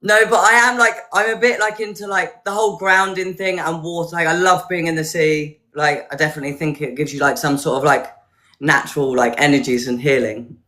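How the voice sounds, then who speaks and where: A woman's voice: sits low, fairly even intonation, fairly quick, fairly bright tone. A woman from Hertfordshire, chatting casually and at rambling length on a video call. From Hertfordshire, England. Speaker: dating show contestant. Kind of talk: casual chat.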